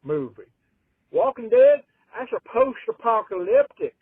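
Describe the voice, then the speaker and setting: A man's voice: extremely high pitch, sing-song, a little slow, breathy edge, dry recording. A man from Texas, leaving a friendly, folksy voicemail for a podcast. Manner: friendly, folksy, says y'all. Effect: voicemail played over a phone line. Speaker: caller. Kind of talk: casual voicemail. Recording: tinny phone-line voicemail.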